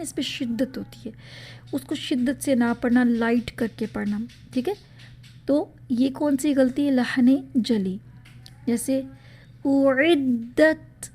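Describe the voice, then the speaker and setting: A woman teaching Quran recitation rules in a podcast lesson, explaining patiently and reciting example words slowly, mixing English words into her talk. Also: sits high, dark tone, husky. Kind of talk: spoken tajweed lesson in a podcast.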